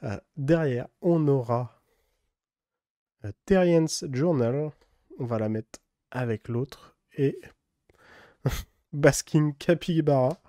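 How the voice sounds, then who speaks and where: A card-opening video host speaks in a relaxed, unhurried, mellow mid-range voice as he opens packs for his channel, giving casual unboxing commentary. He uses lots of fillers and reads the card names slowly in a put-on English accent. The recording is dry and close-miked with no room sound.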